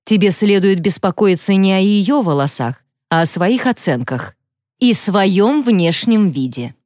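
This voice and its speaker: A woman's voice: medium pitch, expressive, measured pace, a little mellow, no room sound, studio quality, close to an everyday voice. A woman voicing a stern female teacher scolding a student.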